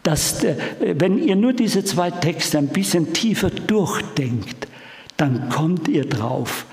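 Slightly high-voiced guy preaching, slow and emphatic, lots of hall echo. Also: expressive, darkish tone. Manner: emphatic, addresses the congregation directly with questions. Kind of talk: sermon. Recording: roomy hall with long reverb.

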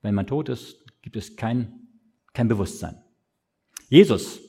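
A man preaching a sermon, asking questions and answering them himself in a slow, explaining way. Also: fairly low pitch, lively intonation, creaky, dark tone, slightly rough.

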